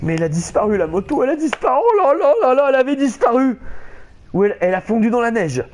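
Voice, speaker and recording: A man giving excitable let's play commentary, panicking and swearing at the game while he plays. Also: very high voice, fast talker. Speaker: gamer streaming a playthrough. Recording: game noise behind the voice.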